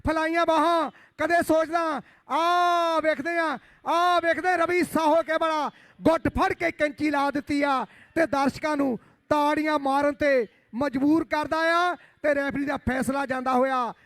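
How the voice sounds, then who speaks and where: A man giving live kabaddi commentary in exclamatory, rhyming chants with drawn-out phrases. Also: very high voice, steady tone, a bit bright, dry recording.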